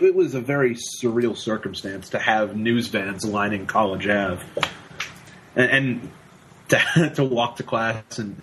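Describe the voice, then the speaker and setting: Halting young male student guest. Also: on the low side, a little hiss or hum, rough recording. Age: young adult. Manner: halting, repeating words as he searches for them. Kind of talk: casual conversational interview.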